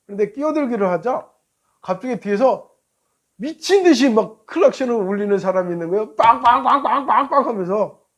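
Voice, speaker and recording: A male pastor with a high voice delivers a sermon at a brisk pace. He tells a road-rage story in an animated way, acting out both drivers.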